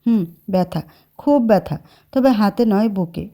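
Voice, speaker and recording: A woman's voice: medium pitch, lively intonation, a little slow, warm tone. A woman voicing a stern, bossy, hot-tempered young man in a dramatized story reading. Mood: pained. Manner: bossy, scolding.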